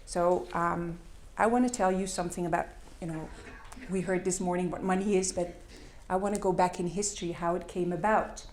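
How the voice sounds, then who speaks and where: A middle-aged Dutch-accented woman, speaking a language that isn't her first, gives a slide presentation at a conference, hesitating and using many fillers. Her voice is fairly low, steady, a little mellow, at normal speed with few pauses. The echoey hall recording carries a slight hiss or hum.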